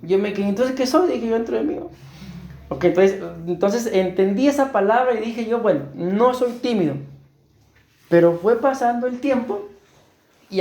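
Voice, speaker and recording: Costa Rican male pastor, mellow tone, preaching with roomy church echo. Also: high voice, gravelly. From Costa Rica. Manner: earnest, asks the congregation rhetorical questions. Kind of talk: sermon. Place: church hall.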